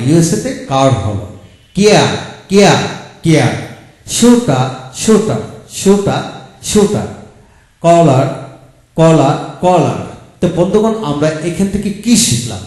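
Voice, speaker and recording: Male teacher, slightly high, mellow voice, patient step-by-step lecture style. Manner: explains step by step, repeating example words slowly. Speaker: English teacher. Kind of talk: video lecture. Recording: very echoey room.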